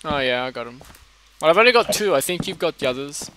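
A man's voice: on the high side, animated, fast, sharp tone, a little hiss or hum, rough recording. A man hosting a casual gaming chat, teasing his guest in a dry way. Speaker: host gamer.

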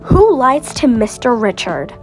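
A woman's voice: a little high, very animated, a little slow, faint music behind. A girl voicing a rude, bossy rich businessman in a toy-game role-play, scolding and impatient.

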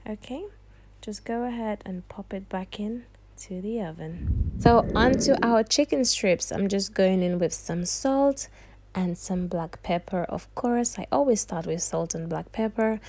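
Here a cooking channel host, a young woman, speaks in a mellow mid-range voice at a slightly slow pace, with a faint hiss or hum in the audio. Sassy and chatty, she guides viewers step by step and addresses them as darling and honey.

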